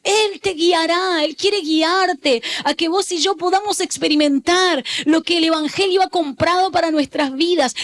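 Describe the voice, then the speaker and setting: A high-pitched woman delivers a sermon as pastor. She exhorts her congregation, repeating key lines so they echo them back. She slips into animated storytelling as she preaches.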